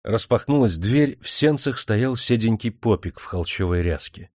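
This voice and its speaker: A man reads a historical novel aloud in a steady, measured narration. His voice sits on the low side, and the recording is dry and close, with no room sound at all. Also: no echo. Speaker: audiobook narrator. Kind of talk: scripted narration.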